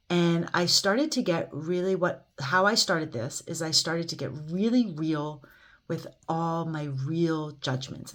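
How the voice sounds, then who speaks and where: A middle-aged woman with a somewhat low voice, talking on her own in an earnest, reflective way. She searches aloud as she goes, full of "um" and "you know" and fresh starts on her sentences. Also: fairly bright tone. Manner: earnest, self-searching, lots of fillers and restarts. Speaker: psychic medium speaking to viewers. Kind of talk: reflective solo talk.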